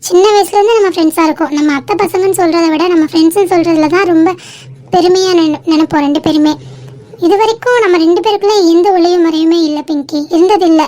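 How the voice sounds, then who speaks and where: A woman voicing a chatty teenage girl, the heroine's best friend, in a teasing, high voice. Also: fast, warm tone. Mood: earnest.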